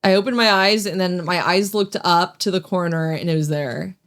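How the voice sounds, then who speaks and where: Woman guest, slightly low voice, chatty and casual. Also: moderate pace, fairly bright tone. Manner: chatty, many "like" fillers. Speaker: interview guest, video creator. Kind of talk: casual interview talk.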